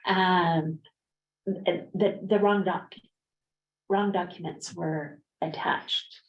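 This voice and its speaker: Woman, transit staffer; slow, halting board report with lots of ums. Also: lowish voice, steady tone, highs cut off. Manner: hesitant, many fillers and restarts. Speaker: transit district staff member.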